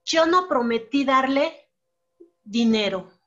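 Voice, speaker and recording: A woman student with a Mexican accent reading a short sentence aloud slowly, stressing single words. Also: high-pitched, animated, fairly bright tone, dull audio.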